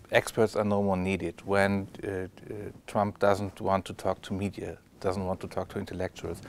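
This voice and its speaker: A man working as an interviewer, posing questions in halting, searching, non-native English. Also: low voice, slight background noise.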